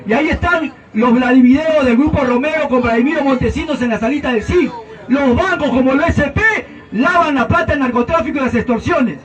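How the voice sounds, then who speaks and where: A man's voice: very high voice, brisk, muffled recording. A Peruvian man giving a fiery, mocking campaign debate speech as a senate candidate. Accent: Peruvian Spanish. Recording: distant outdoor recording.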